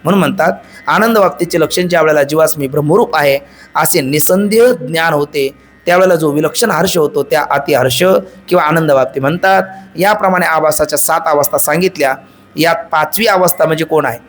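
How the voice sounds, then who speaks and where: A man's voice: on the high side, fairly quick. A man giving a devotional Vedanta discourse, telling stories and chanting verses. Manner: animated storyteller, chants verses and acts out dialogue. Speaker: Vedanta preacher.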